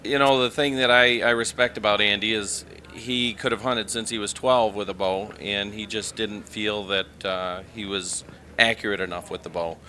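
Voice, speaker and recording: Middle-aged male guest, lowish forceful voice, earnest casual talk, faint noise behind. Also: fairly even intonation, normal speed. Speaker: interview guest, proud father. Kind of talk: casual chat.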